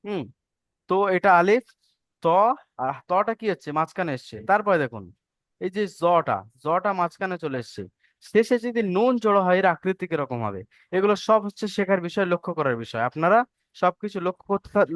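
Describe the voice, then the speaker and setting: A man teaches letter forms to an online class, slow and patient, often asking whether everyone follows. His voice sits high and rings clear. The recording is close and dry. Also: fairly bright tone, no echo. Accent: Bengali. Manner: patient, repeats and checks understanding. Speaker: Arabic script teacher.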